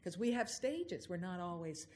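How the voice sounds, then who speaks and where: A woman giving an unhurried, thoughtful spiritual talk, stretching out the words she wants to stress. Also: lowish voice, lively intonation, darkish tone, a little hiss or hum. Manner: unhurried, thoughtful, drawn-out emphasis on key words. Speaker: speaker giving a reflective address.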